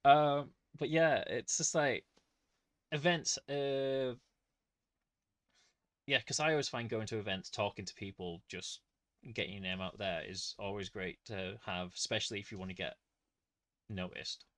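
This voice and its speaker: A man chatting casually from home, his own microphone's noise gate clipping off the ends of his words, and he talks haltingly, restarting and trailing off. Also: on the low side, a bit bright, no room sound. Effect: noise gate chopping off word endings. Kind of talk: casual podcast chat. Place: home near a street. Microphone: own mic with a noise gate.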